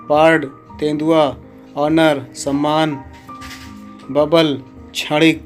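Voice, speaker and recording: Slow, flat-toned male teacher. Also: a little high. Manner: slow, even delivery with pauses to read out word meanings. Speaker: English teacher. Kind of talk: recorded lesson explaining a poem.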